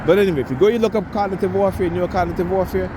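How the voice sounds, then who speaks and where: Loud traffic and street noise surround a man in his fifties who talks very fast in a high voice while interviewing passersby. His rambling street talk is emphatic, often tagged with "right?", and he stumbles over repeated words.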